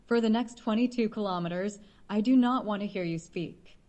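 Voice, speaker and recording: A woman's voice: medium pitch, normal speed, mellow, close to an everyday voice. A woman reading the lines of a cold, demanding businessman, curt and commanding, in an audiobook.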